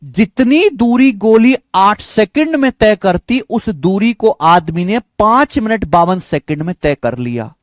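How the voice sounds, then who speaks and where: A high-voiced man teaches a maths word problem, his pitch swinging widely as he stresses each step. He repeats phrases over and over, imitates gunshot sounds and calls his students "beta" and "dear friends". The recording is close and dry. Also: animated, slow, dry recording.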